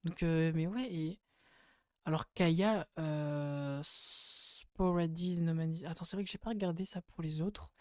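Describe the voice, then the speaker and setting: A man giving casual spoken commentary as a YouTuber reviewing casting photos, hesitant with many fillers and sudden bursts of excitement. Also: on the high side, unhurried, dry recording, studio quality.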